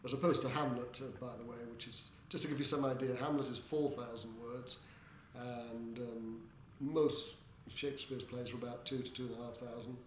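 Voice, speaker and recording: An older man answering interview questions as a theatre director, in a hesitant, halting way with droll, tongue-in-cheek humour. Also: mid-range voice, steady tone. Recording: echoey room with background noise.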